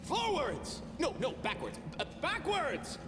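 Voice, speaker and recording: A man's voice: very high voice, wildly swooping pitch, slow pace, roomy sound, long reverb tail, music in the background, exaggerated voice. Manic, wildly swooping game madman. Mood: frantic indecision. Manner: erratic, theatrical, self-contradicting. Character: manic, bloodthirsty madman adventurer bickering with himself. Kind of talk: video game character barks.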